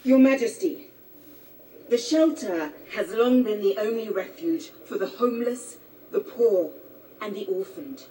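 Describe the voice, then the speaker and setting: A woman acting as a principled champion of the poor in a video game. Her voice is dark and mellow, earnest and dignified in its pleading, heard at some distance over background noise. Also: medium pitch, expressive, measured pace, lightly acted.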